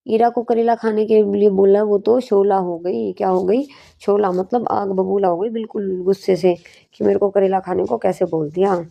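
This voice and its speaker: A woman's voice: medium pitch, gravelly, lo-fi sound. A woman teacher giving an exam-prep lesson with memory tricks, asking questions and answering them herself.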